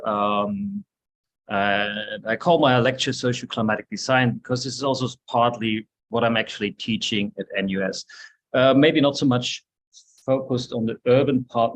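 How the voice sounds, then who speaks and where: A man with a German accent giving a guest lecture over a video call, relaxed and hesitant, with many fillers and restarts. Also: medium pitch, rough recording. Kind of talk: online seminar lecture.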